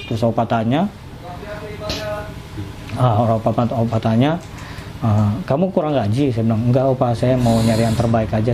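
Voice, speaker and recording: Man, quick speech, warm dark voice, casual storytelling, acts out quoted voices. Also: mid-range voice, slight background noise. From Indonesia. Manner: animated retelling with quoted dialogue. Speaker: convert telling his story.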